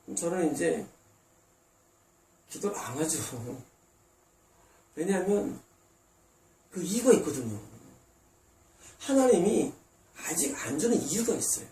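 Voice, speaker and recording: This pastor's voice sits on the high side with a dark tone, big pitch swings, a measured pace, and long pauses, and there is slight background noise. Preaching emphatically in a church sanctuary, captured in a roomy, distant recording, he voices God and congregants in short quoted asides.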